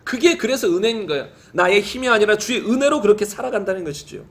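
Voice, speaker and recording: A male pastor with a notably high-pitched voice delivers a Sunday sermon. He reads scripture aloud slowly and solemnly, then presses his points with repeated rhetorical questions to the congregation. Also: animated, fairly bright tone, a little hiss or hum.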